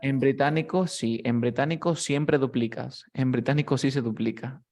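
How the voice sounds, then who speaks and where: A young man with a mid-pitched voice teaches a one-on-one grammar lesson. He lays out each rule step by step, patient and steady. He keeps pausing to ask whether his student has understood. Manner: patient, explains step by step, often checks understanding. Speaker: English teacher.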